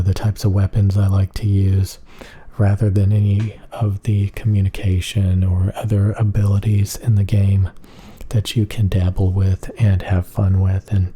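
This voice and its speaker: A man rambling in a flat, emotionless monotone for an ASMR video, with a husky voice. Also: low voice, a little slow.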